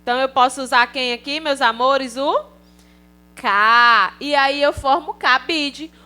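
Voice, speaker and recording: Cheerful bright-voiced Brazilian teacher. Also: female voice, high-pitched, fairly even intonation, normal speed. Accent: Brazilian Portuguese. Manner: cheerful, coaxing, checks in with "certinho?". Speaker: primary school teacher. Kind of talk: recorded online class for children.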